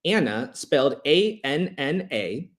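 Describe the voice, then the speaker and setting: A man with a slightly high, sing-song voice gives a prepared history lecture, his intonation swinging widely to stress key words. His phrasing is formal and measured, like an educational presenter.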